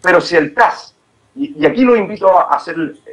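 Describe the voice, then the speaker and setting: A man, a veteran journalist on a football panel, giving his point of view in a measured, fact-based way. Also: sits high, expressive, creaky, low-quality recording. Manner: measured, asks to speak, argues from facts. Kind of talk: heated football debate.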